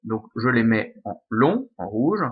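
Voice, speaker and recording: A man's voice: medium pitch, very animated, takes it slowly. A man with a Belgian French accent teaching a recorded Latin lesson, explaining step by step with many fillers and self-corrections. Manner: patient, methodical, with frequent fillers and self-corrections. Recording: slightly dull lo-fi sound.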